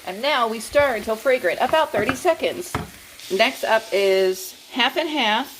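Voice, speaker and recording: A woman's voice: fairly high pitch, expressive, unhurried, noisy background. A woman vlogging about her food in a casual, chatty way, often breaking into informal asides and interrupting herself. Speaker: vlogger sharing meals and recipes. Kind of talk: casual cook-with-me vlog chat.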